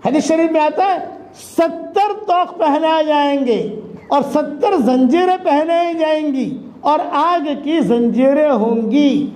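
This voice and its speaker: High-voiced impassioned male preacher. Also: reverberant. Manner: impassioned, shouted exhortation with chanted scripture. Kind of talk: sermon.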